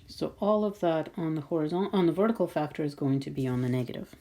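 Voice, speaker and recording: A woman's voice: low-pitched, lively intonation, warm tone. A woman math teacher talking patiently through a screen-recorded lesson, thinking aloud as she draws. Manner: slow, patient, thinking aloud while drawing.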